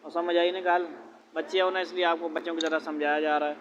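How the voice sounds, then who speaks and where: A man's voice: fairly high pitch, little pitch movement, fairly bright tone. A man teaching Quran letter pronunciation, asking rhetorical questions and repeating letter sounds aloud. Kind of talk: classroom lesson on letter pronunciation. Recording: dull lo-fi with faint noise.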